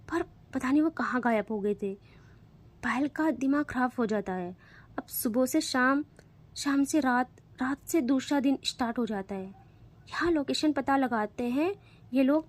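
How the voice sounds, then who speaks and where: A woman narrating a romance in a relaxed, chatty manner, often turning to speak to her listeners. Her voice sits high. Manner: chatty, addresses listeners directly. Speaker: storyteller. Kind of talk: casual story narration.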